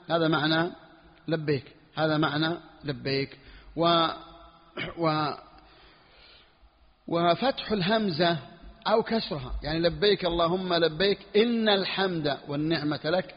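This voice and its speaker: A man teaching a religious text in a classroom lesson, repeating phrases slowly for his students. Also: a little high, husky. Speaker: Islamic scholar teaching a book. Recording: dull lo-fi recording in a reverberant hall.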